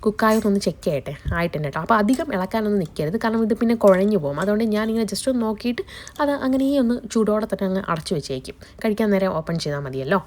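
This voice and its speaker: A woman's voice: medium pitch, rapid-fire, darkish tone. A young woman vlogging at home with a cold, chattily explaining her day and cooking to viewers. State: has a cold, voice changed. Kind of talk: casual vlog narration. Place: family home kitchen, indoors.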